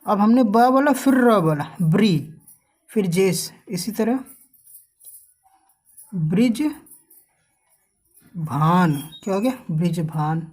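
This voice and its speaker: Woman teacher, mellow tone, slow unhurried delivery, spells out letters, quizzes viewer. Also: medium pitch, lively intonation, husky. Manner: slow, drawn-out spelling with quiz questions to the viewer. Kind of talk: spelling lesson for learners.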